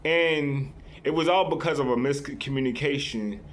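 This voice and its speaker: At normal speed and medium pitch, a man vlogs to his audience with a faint layer of background noise. His talk is loose and unplanned, earnest and confiding, marked by repeated restarts and a habit of saying "right?" at the end of sentences.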